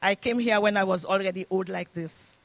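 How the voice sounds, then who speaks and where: An older woman with a foreign accent, a grandmother serving as guest speaker, prays fervently and preaches at a church service in the sanctuary. Her gravelly, medium-pitched voice moves fairly quickly through repetitive prayer invocations, recorded in an echoey room with music.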